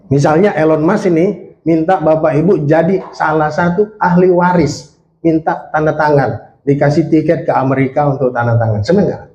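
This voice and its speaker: In an echoey church hall, a preacher in his late forties delivers a sermon with an Indonesian accent, his voice warm and on the high side. He engages his congregation by asking questions and calling for amens.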